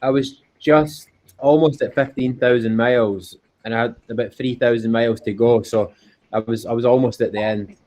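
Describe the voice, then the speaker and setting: A man's voice: medium pitch, steady tone, normal speed, darkish tone. A man with a Scottish accent chatting informally and earnestly as an interview guest, often repeating himself. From Scotland. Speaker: interview guest, endurance cyclist. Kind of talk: casual interview chat. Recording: dull, lo-fi call audio.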